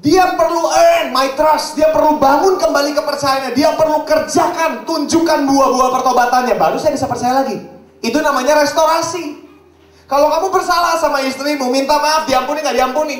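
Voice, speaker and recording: A male pastor delivers a chatty, conversational sermon. His voice sits very high and keeps turning to the congregation with questions. The sound carries the boom of a church hall, heard from some way off the mic. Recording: echoey hall, mic at a distance.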